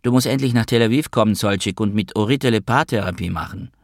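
A man's voice: on the low side, fast, dry recording, studio quality, lightly acted. A man reading an audiobook, voicing a teasing, sarcastic male friend on the phone. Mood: mocking. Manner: sarcastic, needling.

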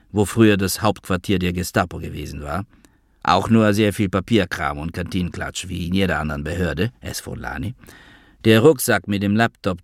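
A man reading a novel aloud as an audiobook narrator, in steady literary storytelling. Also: low-pitched, no room sound, studio quality.

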